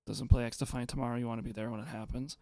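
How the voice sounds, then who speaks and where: A man's voice: mid-range voice, fairly even intonation, racing, warm tone, dry recording, studio quality. A man streaming live, chatting casually with viewers in a rambling, hesitant way, often restarting his sentences. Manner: reads and answers chat messages.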